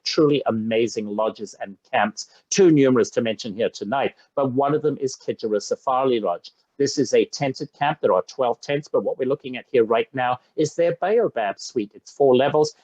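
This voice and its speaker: A man presents travel slides in an excited, effusive way over a video call. The sound is dry and close, with slightly muffled, lo-fi audio. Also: mid-range voice, dry recording. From Zambia. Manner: enthusiastic, effusive. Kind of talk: webinar presentation.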